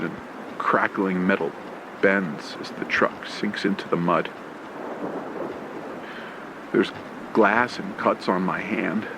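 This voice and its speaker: A man with a slow, low, gravelly voice narrates horror in the first person, reading a script in the manner of an old radio play. The recording is clear, with rain, ambience and vehicle sound effects in the background.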